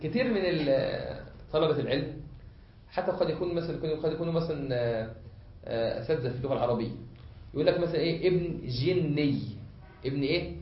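A man's voice: a little high, rapid-fire. Egyptian sheikh quizzing his class. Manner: asks the class to fill in words, repeats points. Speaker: sheikh teaching a lesson. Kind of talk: classroom lesson. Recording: echoey hall, muffled lo-fi.

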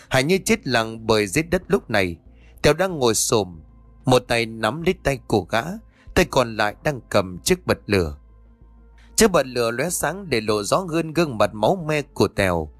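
A man narrating a horror audiobook at a steady storytelling pace. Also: medium pitch, moderate pace, soft background music. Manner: steady storytelling, voices each character.

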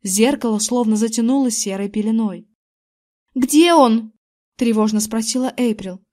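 A woman's voice: on the high side, fairly quick, dark tone. Woman reading a storybook aloud. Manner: reads dialogue with light voicing of characters. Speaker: audiobook reader. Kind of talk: storybook narration with character voices.

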